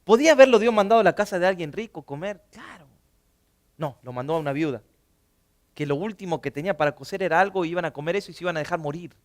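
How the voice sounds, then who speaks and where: A pastor preaching a sermon in a church, animated, swinging between loud bursts and soft asides and acting out the people he quotes. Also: high-pitched, fast talker. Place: church sanctuary.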